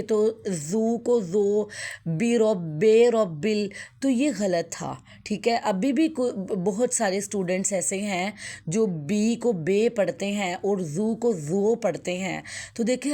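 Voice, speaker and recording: A woman's voice: medium pitch, darkish tone. Patient woman teaching Quran recitation. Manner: explains patiently, then recites words slowly and drawn out. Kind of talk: tajweed lesson with slow recitation.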